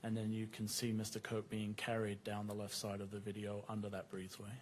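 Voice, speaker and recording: A man gives formal testimony under cross-examination in a courtroom. His fairly low voice is strikingly monotone, with measured, factual phrasing. The recording carries some noise. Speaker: witness, former police officer.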